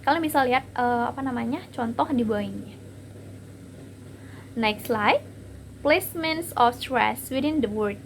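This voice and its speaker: A woman's voice: fairly high pitch, fast talker, vocal fry, a little hiss or hum. A young woman giving a class presentation on word stress, hesitating with fillers and repeating each example word.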